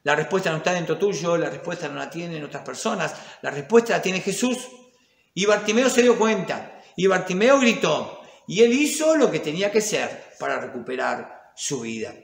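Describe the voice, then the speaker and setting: A man's voice: sits high, animated, moderate pace, vocal fry, reverberant. A male pastor with a Rioplatense Spanish accent, preaching a sermon in an emphatic, dramatic way with repeated phrases.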